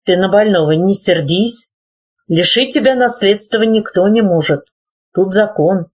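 A woman reading the lines of a sick old rich uncle, firm and gruff, in a dull lo-fi recording. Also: mid-range voice, a little slow.

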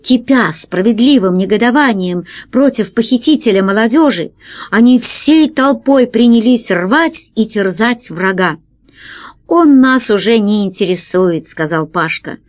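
A woman's voice: fairly high pitch, expressive, measured pace, muffled recording. A woman narrating a children's science fiction story aloud, reading expressively and shifting her voice for the dialogue. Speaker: audiobook narrator. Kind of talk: scripted narration of a children's sci-fi tale.

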